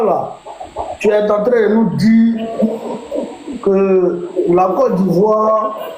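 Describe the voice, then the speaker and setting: Emphatic man, high voice, roomy echo. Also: darkish tone. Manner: deliberate, emphatic restating. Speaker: host. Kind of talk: political discussion. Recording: roomy echo, faint ambient noise.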